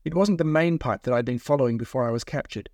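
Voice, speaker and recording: A man narrates his own novel in the first person, keeping his delivery steady and measured and his pitch in the middle range. His voice is recorded close and dry in a studio, with no echo from the room.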